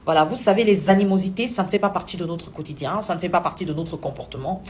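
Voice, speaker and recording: A woman's voice: on the low side, fast talker, a little mellow, a little hiss or hum. A woman from Cameroon, giving indignant, sarcastic opinion commentary to camera as a vlogger.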